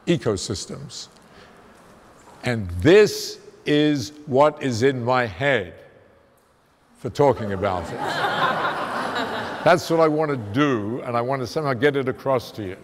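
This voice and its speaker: A theoretical physicist who immigrated to the United States is giving a public science lecture as a guest in a museum lecture hall. His mid-range voice is fairly loud, emphatic and conversational as he walks away from the podium, picked up by a room mic rather than a handheld one. The hall adds a long reverb.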